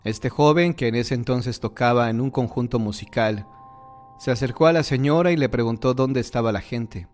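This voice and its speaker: A man narrating horror stories in a measured, scripted storytelling manner. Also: medium pitch, darkish tone. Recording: faint music behind the voice.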